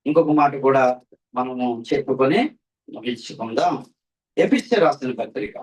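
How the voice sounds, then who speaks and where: A man preaching an evening sermon, calling out hallelujah, throwing rhetorical questions to his listeners, and swinging between ringing exclamations and quiet low passages. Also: normal speed, slightly rough. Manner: fervent, repeated hallelujah calls, rhetorical questions to the audience. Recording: voice distant from the mic.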